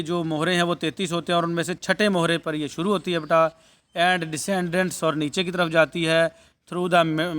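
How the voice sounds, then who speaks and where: A male teacher with a smooth, clear voice held in a narrow, steady pitch range, sitting a little above the usual for men. He reads each line of the textbook out slowly, then explains it in a quick, familiar way, calling his students "beta" as he goes. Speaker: nursing course teacher. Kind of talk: bilingual lecture, reading English text and explaining it.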